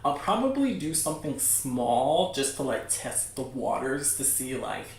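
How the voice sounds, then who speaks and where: Speaking to his livestream audience in a relaxed, supportive way, this host has a medium-pitched voice that is very animated yet unhurried. The mic sits far away in a very echoey room, and there's a bit of hiss or hum.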